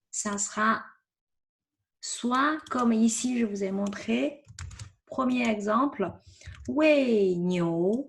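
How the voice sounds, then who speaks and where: Slow, patient woman teaching vocabulary. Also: medium pitch. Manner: patient, repeats words slowly, asks "ok?" often. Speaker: Chinese teacher. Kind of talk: screen-share vocabulary lesson.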